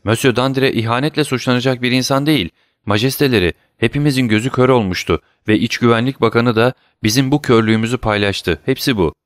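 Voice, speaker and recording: A man's voice: medium pitch, quick pace, no room sound, clean studio sound, pitched above the performer's own voice, lightly acted. A man voicing a loyal male courtier, a duke, protesting in defense of a minister.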